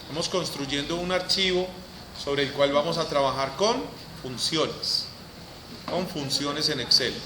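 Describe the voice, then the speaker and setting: A man teaching a software lesson, repeating each step aloud as he works. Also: a little high, a little slow, background noise. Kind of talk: screen-recorded software lesson.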